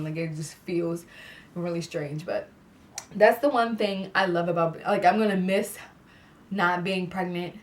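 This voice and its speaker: A lowish female voice, recorded from a distance, belongs to a young woman chatting casually in a pregnancy update vlog. She's congested, clears her throat, laughs often, and fills her sentences with "like". Fairy lights decorate the indoor room she's in.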